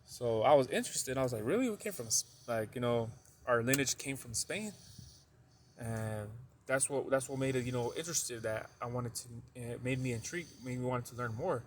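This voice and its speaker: In a mid-range voice at a normal pace, a man gives a casual religious teaching to his video audience, with slight background noise. He rambles, fills gaps with "you know," tags sentences with "though," and repeats points for emphasis.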